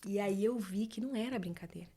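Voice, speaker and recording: A woman's voice: mid-range voice, fast, slightly rough. A woman from Brazil, a podcast guest, telling a personal story in casual conversation and acting out the voices of people in it, sometimes dropping to a whisper. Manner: animated, acts out quoted voices, drops to whispers.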